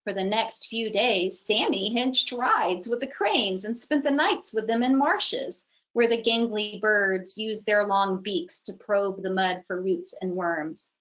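A woman reading a children's picture book aloud for a storytime, with a lively, expressive delivery. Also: medium pitch, slow pace, few pauses, poor audio. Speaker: storytime reader.

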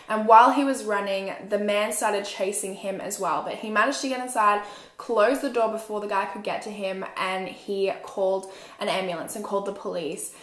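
A bright, pushed, medium-pitched voice belongs to an Australian woman in her 20s. She tells a true crime story conversationally from a small furnished room, and the recording carries a roomy indoor echo.

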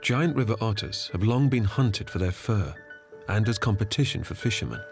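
Male narrator for nature documentary, fairly deep voice, scripted storytelling delivery, music underneath. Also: lively intonation, normal speed, creaky. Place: studio voice-over. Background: background music.

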